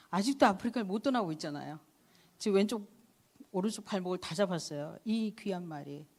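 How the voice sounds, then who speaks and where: A middle-aged woman missionary giving a conversational church sermon and testimony, animated and chatty, often affirming with a quick "yes". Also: on the low side. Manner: animated, conversational preaching with frequent "네" and laughs.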